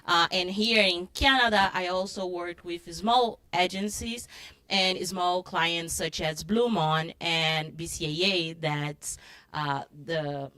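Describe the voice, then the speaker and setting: Woman from Brazil, marketing instructor, chatty, relaxed, low voice. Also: slow pace, smooth.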